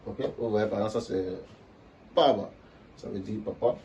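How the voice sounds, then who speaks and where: Male teacher, dark mellow tone, patient explainer who sounds out syllables, faint background hiss. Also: fairly low pitch, steady tone, fast, muffled recording. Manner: demonstrates tones by drawing out syllables. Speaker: language teacher. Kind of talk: explaining lesson to viewers.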